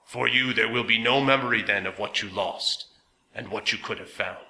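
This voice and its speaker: A man voicing a small talking sweeper machine that speaks in a grinding, metallic voice with slow, grave warnings. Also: lowish voice, creaky, bright, forceful tone, roomy sound, slight background noise, exaggerated voice, rough recording. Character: strange talking machine sweeper, solemn and ominous.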